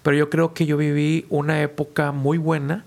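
A man, a musician guest casually telling stories in an animated, slangy way and acting out the people he quotes. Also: fairly high pitch, normal speed, creaky. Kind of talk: casual storytelling.

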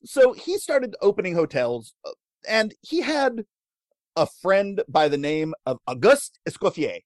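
A man co-hosting a casual chat, telling food history with wry, deadpan jokes. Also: high-pitched, unhurried, dry recording, studio quality. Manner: wry, deadpan jokes, laughs at own lines. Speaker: podcast co-host telling history.

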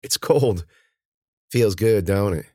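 A man's voice: on the low side, expressive, slow pace, dark tone, dry recording, clean studio sound. A man voicing a sleazy, smarmy older farmhand who drawls and calls a girl honey.

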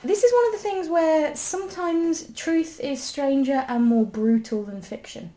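Woman, podcast co-host, fairly high voice, explanatory, casual history chat. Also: unhurried, dark tone. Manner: explains at length, corrects her co-host.

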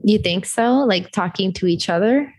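A woman's voice: mid-range voice, normal speed, darkish tone, slightly rough. An American woman hosting an interview, asking friendly, chatty follow-up questions. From United States. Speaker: host. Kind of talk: casual interview.

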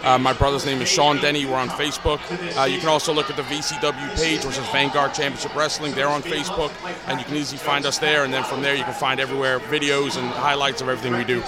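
A man's voice: medium pitch, level tone, quick pace, hardly any pauses. A man from Newcastle, England, a professional wrestler, answering interview questions casually with many fillers. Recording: loud music and crowd behind.

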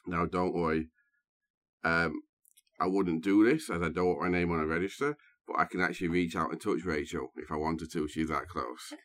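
A man hosting a true crime podcast, telling the story in a measured, scene-setting way. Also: low-pitched, steady tone, fairly bright tone. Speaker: podcast host. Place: small booth, sharing a room with co-host.

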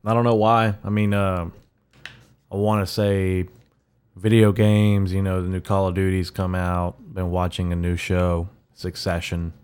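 A man with a raspy morning voice hosting a casual solo podcast, rambling haltingly with profane, slangy bro-talk. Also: low voice, little pitch movement, darkish tone. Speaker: podcast host.

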